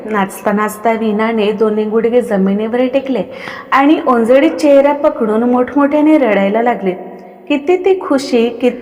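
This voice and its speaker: A woman's voice: fairly high pitch, unhurried, darkish tone. Woman narrating a story, reverberant. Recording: long reverb.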